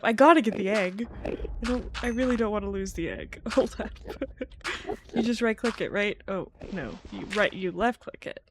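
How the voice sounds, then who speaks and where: A woman's voice: fairly high pitch, noisy background. A young adult woman, a gaming creator, who reacts aloud as she plays, swearing freely and talking to the game, and also narrates in a reflective voice-over. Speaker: gaming YouTuber.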